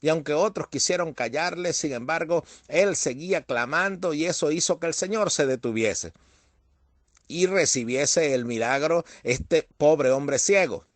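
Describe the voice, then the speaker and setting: A middle-aged man, a pastor, reading scripture in a measured way and then preaching a sermon with growing emphasis. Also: fairly high pitch, dry recording.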